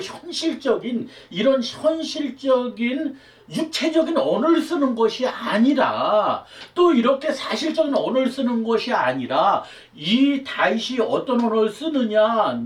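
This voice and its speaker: An animated male preacher whose pitch swings widely as he repeats phrases and fires off rhetorical questions. He sounds set back from the mic in a roomy, echoing hall. His delivery is full sermon mode. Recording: echoey room, voice from a distance.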